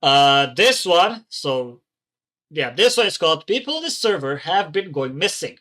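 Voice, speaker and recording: A man hosts a reaction video, chatting and rambling over what he watches. He swears freely. His voice is bright and sits a little high. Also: sing-song, unhurried. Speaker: reaction channel host. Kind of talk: casual reaction commentary.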